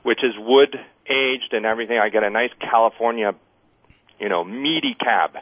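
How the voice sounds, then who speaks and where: A man's voice: lowish voice, fairly even intonation, normal speed, dry recording. American man on a phone-like line. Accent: standard American. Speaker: guest winemaker. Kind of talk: casual interview answers. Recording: thin phone-like radio line.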